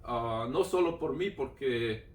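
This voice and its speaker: A man's voice: mid-range voice, expressive, takes it slowly. A man giving a personal religious testimony, retelling it fervently with lots of repetition. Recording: roomy sound from a distant mic.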